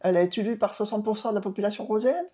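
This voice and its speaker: A woman in her seventies from France, an outgoing mayor, answers questions in a local TV interview. Her medium-pitched voice has a dark tone and comes out rapid-fire, emphatic, and full of hesitations and restarts.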